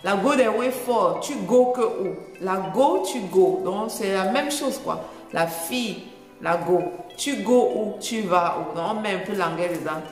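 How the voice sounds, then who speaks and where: A woman's voice: medium pitch, animated, a little slow. A chatty vlogger woman with a Cameroonian French accent explains slang to her viewers, going over each phrase more than once. Her voice rings out in a roomy space with a long echo tail. Faint music plays underneath. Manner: chatty, laughs often, repeats phrases to explain. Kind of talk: casual explanatory chat to camera.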